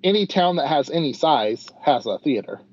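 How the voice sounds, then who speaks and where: A man co-hosting a podcast, chatting casually and rambling with lots of fillers. His voice comes through a dull, lo-fi backup recording because the main audio dropped out, so it sounds like a low quality stream. He speaks a bit high for a man. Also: lively intonation, moderate pace, a little mellow. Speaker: podcast co-host.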